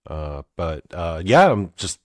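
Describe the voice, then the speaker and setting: Host, young guy from canada, deep voice, dry close sound, halting and awkward. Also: big pitch swings, no echo. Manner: halting, awkward, heavy on fillers. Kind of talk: comedy interview show.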